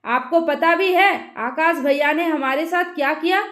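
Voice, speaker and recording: A woman's voice: high-pitched, measured pace, fairly bright tone. A woman voicing a young married daughter who tearfully accuses her brother, in a roomy echo. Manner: crying, accusing.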